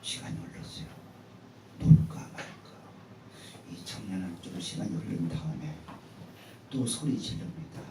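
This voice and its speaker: A man's voice: deep voice, animated, moderate pace, mellow, slight background noise. A male pastor preaching a sermon in a church sanctuary, telling a story and leading the congregation in call-and-response. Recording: echoey church hall from far off.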